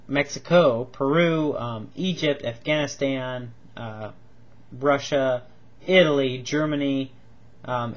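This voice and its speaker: The audio is dull, and his pitch is medium. He's a man nursing a cold, stuffy and coughing, excitedly reviewing toy figures in a relaxed home video with lots of ums and repeated words.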